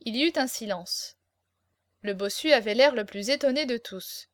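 A woman narrating a classic novel as an audiobook in a measured, even storytelling manner. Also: fairly high pitch, dry recording.

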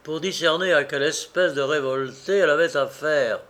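A man reading a classic novel aloud in a slow, measured, expressive narration. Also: fairly high pitch. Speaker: audiobook reader.

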